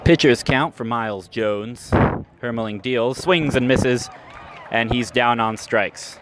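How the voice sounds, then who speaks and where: This live radio sports call comes from an outdoor minor league park, where an American man handles the baseball play-by-play. His voice is medium-pitched and he takes his time, with the stadium crowd and ambient noise behind him.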